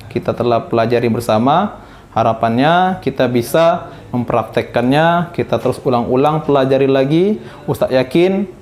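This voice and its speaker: A male teacher from Indonesia giving a recitation lesson, speaking slowly and patiently and drilling each letter sound again and again. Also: medium pitch, a little mellow. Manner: slow, patient, repeats each syllable for practice.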